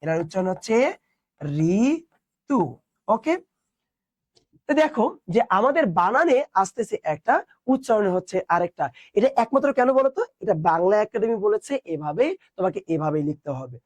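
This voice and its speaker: Young man, high voice, dry close sound, teacher quizzing students. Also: big pitch swings, brisk, no echo. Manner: explains step by step, asks students questions. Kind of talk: online class lecture.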